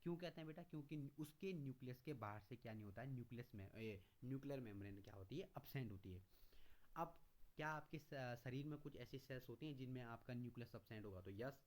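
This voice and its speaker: A male teacher giving a classroom lecture in a question-and-answer style, calling students "beta" and reading English notes out slowly between his explanations. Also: mid-range voice. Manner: asks questions and answers them himself, calls students beta; mixes Hindi explanation with read-out English notes, slower on English.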